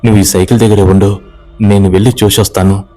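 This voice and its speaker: A man voicing a stubborn young village husband who shouts and demands answers in a horror story. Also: lowish voice, level tone, fast, soft background music, natural voice. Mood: shouting, demanding.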